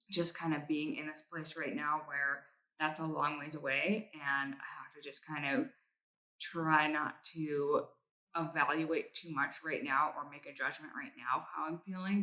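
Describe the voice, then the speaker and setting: A woman's voice: low voice, sharp tone, poor audio. A woman vlogger giving a casual personal update in a reflective, somewhat hesitant way.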